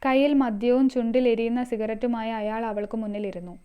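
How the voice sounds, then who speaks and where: A woman's voice: fairly high pitch, steady tone, a little fast, smooth, lo-fi sound. A woman narrating a scripted story, reading all the characters herself. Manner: reads all characters herself, mostly in her own voice.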